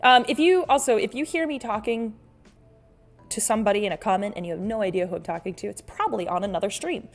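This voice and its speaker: A woman's voice: medium pitch, expressive, quick pace. Casting: female livestream host, mid-range voice, playful and exclamatory, loose rambling chat with viewers, music underneath. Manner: playful, exclamatory, reads out comments and reacts; rambling, often self-interrupting.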